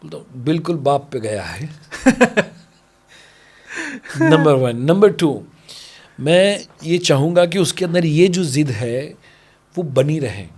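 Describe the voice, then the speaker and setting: Animated man, parenting coach guest. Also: fairly high pitch, slow pace, pauses often. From India. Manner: animated, acts out parent-child dialogues. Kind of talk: podcast conversation, Hindi-English mix.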